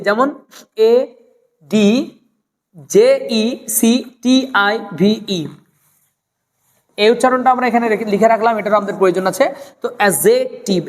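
A woman's voice: fairly high pitch, a little mellow. Woman teaching pronunciation in a long-echo room. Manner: drills words slowly, repeating each pronunciation; asks the viewer questions as she teaches. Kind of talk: spoken English lesson.

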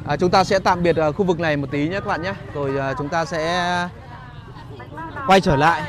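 A man giving a casual walking vlog commentary as a guide, pausing often on fillers as he talks to viewers. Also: a little high, a crowd in the background. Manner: hesitant phrasing with frequent filler pauses. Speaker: market vlogger and guide. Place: outdoors in a busy rural street market. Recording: noisy outdoor market street ambience. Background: market bustle and vehicles.

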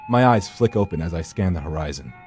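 A man narrates a first-person horror story in a fairly low, mellow, dark voice, brooding and theatrical in visual-novel style, with faint music in the background. He speaks fast with lively intonation.

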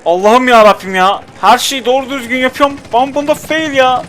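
A man's voice: very high voice, steady tone, brisk, a bit bright, slight background noise. A young man giving casual, exasperated commentary while playing a video game and talking to his character. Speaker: gameplay commentator.

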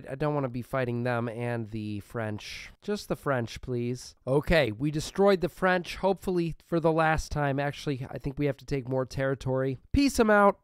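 A man's voice: on the high side, smooth, no echo, clean studio sound. A man hosting a strategy game video, narrating his moves with wry, joking asides to the computer opponents. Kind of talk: gameplay commentary.

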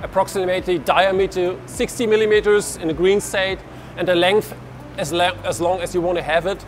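A man's voice: high-pitched, steady tone, a little fast, faint music behind. A man, giving a walking tour of an industrial hall and explaining with his hands as he talks into a lapel mic. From Germany. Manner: explains with hand gestures, frequent restarts. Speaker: researcher giving a lab tour. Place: large industrial hall, indoors.

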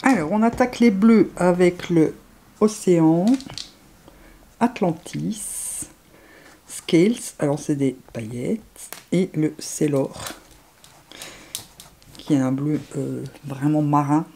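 A woman gushing over makeup swatches, excitable, often dropping to hushed murmurs. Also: deep voice, slow pace, gravelly, pauses often, a little hiss or hum. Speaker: beauty vlogger.

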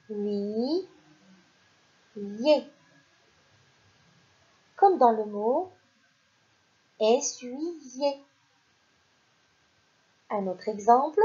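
Woman teacher for a kids' reading lesson, very slow and deliberate, mellow tone, dull lo-fi recording. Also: on the high side. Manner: slow, deliberate, sounding out syllables. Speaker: primary school teacher. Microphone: voice-over for slides.

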